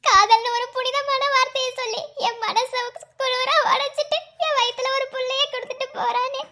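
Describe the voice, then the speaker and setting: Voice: very high voice, steady tone, moderate pace, background noise. A performer voicing a betrayed young pregnant woman in a cartoon love story, pleading and wailing through tears.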